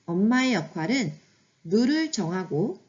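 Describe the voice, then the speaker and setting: A mother hosts a parenting lesson in a chatty, instructive way, explaining situations before giving set phrases. Her voice is mid-range and darkish, very animated at a measured pace, with the highs cut off.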